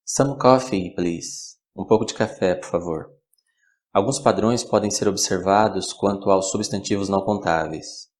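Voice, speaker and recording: Man with a really low voice doing a language lesson, slow and super clear. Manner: slow, clear, measured delivery. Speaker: English teacher.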